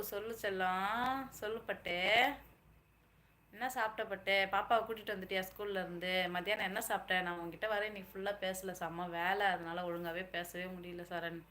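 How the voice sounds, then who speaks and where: A woman's voice: medium pitch, bright, forceful tone, a little hiss or hum. A woman hosting a live stream, chatting casually with viewers in a teasing, affectionate way.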